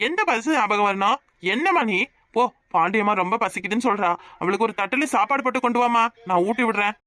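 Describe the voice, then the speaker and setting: A woman's voice: medium pitch, expressive, fast talker, fairly bright tone, no echo, close to an everyday voice. A woman voicing an impatient young village man who scolds his mother, in a cartoon with a southern Tamil accent. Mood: exasperated. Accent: southern Tamil, Tirunelveli.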